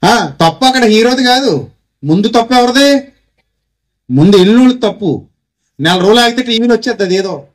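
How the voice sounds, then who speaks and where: High-voiced preacher exhorting a congregation. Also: male voice, animated, a little fast, long pauses. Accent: Telugu. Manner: exhorting, calls congregation to repeat phrases; rhetorical questions to listeners. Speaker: pastor. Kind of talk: Christmas sermon.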